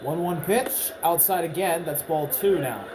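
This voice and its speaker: A man calling baseball play-by-play briskly, describing each pitch and play. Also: noisy background. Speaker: play-by-play announcer. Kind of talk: baseball radio-style play-by-play. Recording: broadcast with clear ballpark ambience.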